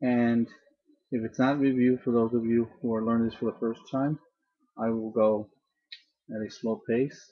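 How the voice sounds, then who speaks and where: A man teaching a grammar lesson slowly and patiently, often repeating and restarting his phrases. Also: medium pitch, little pitch movement, husky. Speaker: language teacher. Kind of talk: slow, deliberate grammar lesson. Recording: dull lo-fi recording.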